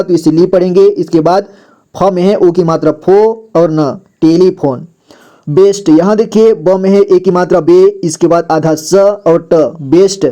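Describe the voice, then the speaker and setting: High, mellow-voiced man teaching reading. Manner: patient, repeats each word twice and explains letters. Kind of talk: slow word-by-word reading lesson.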